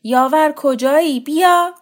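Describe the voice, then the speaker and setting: An old lady of the house, flustered and quick to snap, read aloud by a woman storyteller. Her lines come out lifted and animated, set apart from the narration. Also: on the high side, pitched above the performer's own voice, close to an everyday voice. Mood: alarmed.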